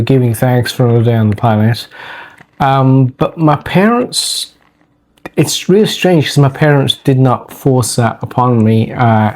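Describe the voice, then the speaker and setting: A man with a Birmingham accent chats casually on a couple's vlog, his voice pitched in a plain middle range. He talks in a halting, thoughtful way, pausing and restarting sentences as he thinks back. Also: darkish tone. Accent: Birmingham English. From England. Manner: halting, self-correcting, thoughtful. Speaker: vlog co-host. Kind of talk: casual chat.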